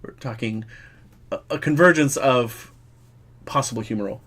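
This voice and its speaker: A man's voice: medium pitch, normal speed, a bit bright, husky. A man co-hosting a casual chat, playful and teasing, dropping quips between his musings. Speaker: podcast co-host.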